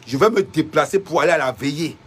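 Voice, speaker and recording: A woman's voice: sits low, animated, fast talker, breathy edge. A woman from Cameroon, delivering a defiant, fiery political rant to viewers, repeating rhetorical questions.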